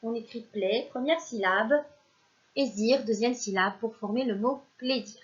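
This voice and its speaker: A recorded reading lesson for young children comes from a primary school teacher whose voice is on the high side, at a measured pace, with dull audio. She goes through syllables individually and praises the pupils, talking to them directly as if they were present.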